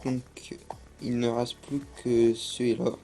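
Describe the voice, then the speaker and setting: A young man chats over his gameplay, hesitant and full of fillers. His voice sits at an ordinary middle pitch. Soft music plays faintly underneath. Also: completely flat delivery, slow. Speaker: gaming YouTuber. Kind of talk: casual gameplay commentary.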